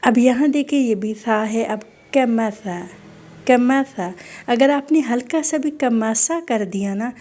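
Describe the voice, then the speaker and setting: A woman teaching Quran recitation online, explaining each sound patiently and modelling words slowly again and again. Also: a little high, a little mellow. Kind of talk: online tajweed lesson.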